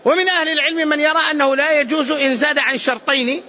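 Man, very high bright voice, mosque lesson, repeats key points, dull lo-fi sound. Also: fairly even intonation, rapid-fire, a little hiss or hum. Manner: explanatory, repeats key phrases, asks students if understood. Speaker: sheikh teaching hadith commentary. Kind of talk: mosque lecture on hadith.

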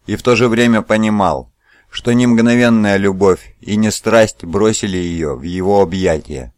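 A man narrating an adventure novel as an audiobook, telling it in a steady, measured way. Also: on the low side, dry recording, clean studio sound.

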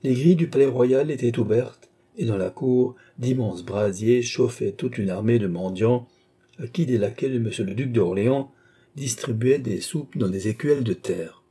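A man narrating a classic novel as an audiobook with a steady, expressive reading. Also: mid-range voice, moderate pace, breathy edge.

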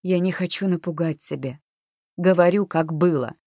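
A woman's voice: fairly low pitch, moderate pace, warm tone, no room sound, clean studio sound. A woman voicing a frightened, defiant orphan girl who speaks in an insistent, pleading way. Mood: desperate pleading.

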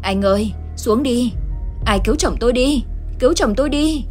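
A woman's voice: on the high side, expressive, moderate pace, a little mellow, soft background music, pitched above the performer's own voice, natural voice. A woman voicing a desperate middle-aged village wife who screams and pleads for help while crying. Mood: frantic.

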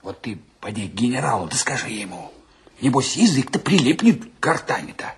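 An actor playing a sly, fearful middle-aged schemer in a radio play, with a husky, hushed voice and a needling, conspiratorial manner. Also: male voice, medium pitch, sing-song, a little fast, very noisy.

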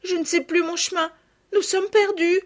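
A woman's voice: very high-pitched, fairly even intonation, normal speed, pitched above the performer's own voice. A woman reading aloud and voicing a frightened little girl who sobs because she has led her friend astray. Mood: sobbing, panicked. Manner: tearful and sobbing.

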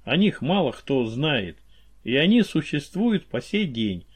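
A man voices a weary, knowing informant in an audiobook, laying out what he knows in a measured, explaining manner. The voice is a bit high for a man. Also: very animated, slightly rough, exaggerated voice. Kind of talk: audiobook character reading.

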